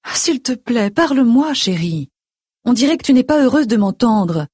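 A woman voicing a worried middle-aged mother who fires off anxious, pleading questions in a breathy voice. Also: a little high, big pitch swings, darkish tone, no room sound, clean studio sound, voice pushed up. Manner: rapid stream of anxious questions.

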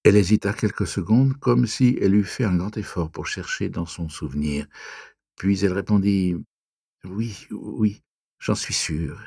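A man narrating a classic story in an audiobook reading, measured and even. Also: low-pitched, creaky, breathy edge, no room sound, clean studio sound.

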